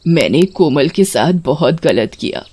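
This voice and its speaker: A woman's voice: medium pitch, a little slow, lightly acted. A woman doing a harsh scolding mother-in-law. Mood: remorseful. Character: cruel scolding middle-aged mother-in-law.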